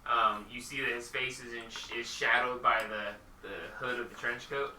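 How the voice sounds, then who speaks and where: A man narrating a tabletop game as game master, halting with many fillers. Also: medium pitch, steady tone, sharp tone, reverberant, distant mic, a little hiss or hum.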